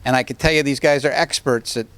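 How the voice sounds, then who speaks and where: A man speaking at a school board meeting, talking the members through examples in a plain, conversational manner. He keeps pausing to check that they follow him with a quick "okay?". His voice sits at an ordinary middle pitch. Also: a bit bright, clean tone, no echo. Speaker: energy consultant advising a school board. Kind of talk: explaining at a public board meeting.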